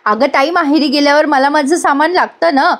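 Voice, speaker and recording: A cheeky, spoiled youngest sister who talks back and sulks, as a woman reads her lines aloud. The voice is high and pert. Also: fairly quick, close to an everyday voice.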